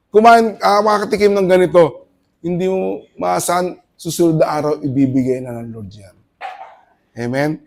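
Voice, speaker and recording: A middle-aged Filipino pastor preaching a conversational sermon, swinging between loud praise and hushed asides. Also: male voice, high voice. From Philippines.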